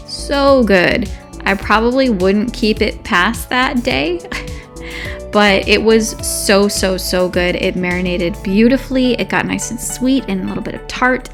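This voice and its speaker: A young adult woman talks through her week as a home vlogger, chatty and upbeat with a tendency to ramble. Her voice sits at a middling pitch, and soft music plays faintly behind her. Her delivery stays casual and unscripted throughout. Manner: speaks softly to keep her sleeping family undisturbed. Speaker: home cooking and knitting vlogger. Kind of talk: casual chat.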